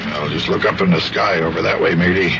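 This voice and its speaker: An actor playing a hearty, salty old sailing captain in a children's radio serial, gravelly, with drawn-out nautical talk. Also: male voice, low-pitched, steady tone. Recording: noisy, muffled old radio recording.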